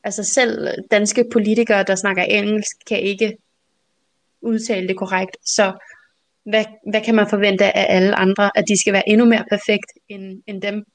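Woman co-host with a mid-pitched voice, telling stories in a chatty way with frequent laughs. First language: Danish. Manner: chatty, animated, laughs often. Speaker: podcast co-host. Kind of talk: casual conversational storytelling.

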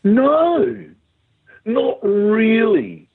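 A middle-aged man with a broad Australian accent and a husky voice, chatting casually and telling anecdotes as an animated interview guest. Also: extremely high pitch, drawn-out words, no echo. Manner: animated storytelling, acts out quoted remarks. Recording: tinny phone-like line.

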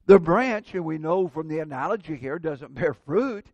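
Earnest preacher guy, pulpit mic, kinda high voice, dry close sound. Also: expressive, darkish tone, no echo, muffled recording. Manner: earnest, measured, slows down to stress key words. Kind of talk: sermon.

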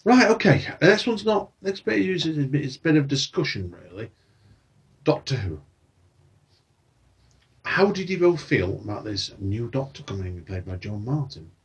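A man runs a casual podcast chat, asking his guests questions and sometimes tripping over names. His voice is rough and husky, and his pitch swings around a lot. He sounds set back from the microphone. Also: very animated, moderate pace, far from the mic. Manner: chatty, loses his words, asks questions. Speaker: podcast host.

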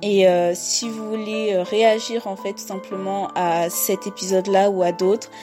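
A woman's voice: medium pitch, flat delivery, moderate pace, over music. A woman hosting a podcast, introducing her episode in a casual, hesitant way with many fillers and restarts. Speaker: podcast host and interviewer.

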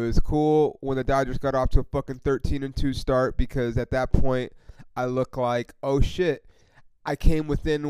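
A man hosts a solo sports podcast in a loose, rambling way, peppered with swearing and "you know"s. His voice is smooth and resonant at a middle pitch, recorded close and dry with no room sound. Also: darkish tone, no echo, rough recording. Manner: rambling, profane, frustrated fan talk with many fillers. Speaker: podcast host.

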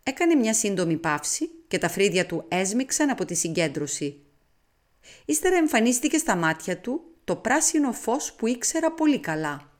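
A woman reading a detective novel aloud as an audiobook, in a measured, expressive way. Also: mid-range voice. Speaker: audiobook reader. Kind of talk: audiobook narration.

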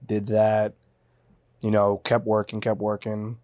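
A man in his twenties from Haiti talks as a podcast guest, telling his story with an easy, relaxed flow. His voice sits low and sounds dry and close, with no room around it. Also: measured pace, dry recording. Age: 20s. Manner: relaxed, storytelling, laughs easily. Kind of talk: casual podcast chat.

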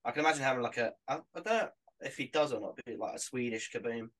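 A man's voice: medium pitch, quick pace, a bit bright, poor audio. A man chatting on a podcast, laid-back and hesitant, often repeating words. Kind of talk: casual podcast chat.

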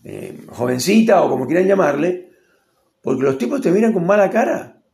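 A man's voice: high voice, big pitch swings, normal speed, vocal fry, darkish tone. A man with a Rioplatense accent giving a rambling, opinionated casual monologue and acting out quotes. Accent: Rioplatense Spanish. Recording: echoey room.

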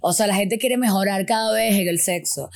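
A woman chatting on a podcast as a guest. She tells stories with lots of animation, laughs often, and acts out the people she quotes. Her voice sits in a middle pitch. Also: brisk, creaky. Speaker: podcast guest, sex educator. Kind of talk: casual podcast chat.

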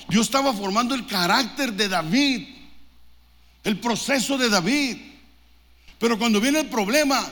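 A man's voice: extremely high pitch, fairly bright tone, big-room sound. A man preaching a sermon as pastor, fervent and exhorting, throwing questions to the congregation. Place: church.

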